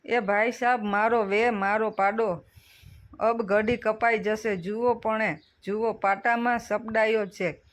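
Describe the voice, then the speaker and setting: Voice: mid-range voice, steady tone, takes it slowly, a bit bright. Narrator voicing a desperate herdsman, pleading and urgent, storybook reading. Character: poor desperate male buffalo herder.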